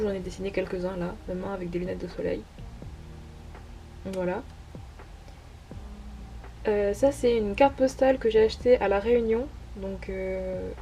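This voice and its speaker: Over slight background noise, a young artist shows her sketchbook pages in a casual narrated vlog, her voice mid-range and mellow. She's tentative, leaning on fillers and poking fun at herself with laughter.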